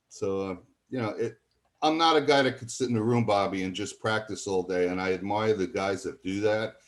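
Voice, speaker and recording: An older man, a guest musician telling rambling anecdotes in a casual interview and acting out what other people said. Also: low voice. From College Point, New York.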